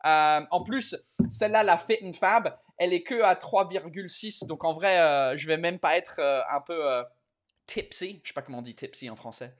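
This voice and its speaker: A man hosting a casual live stream in halting, word-searching French, often slipping into English as he reads out and answers viewer messages. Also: a little high. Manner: switches between French and English mid-speech.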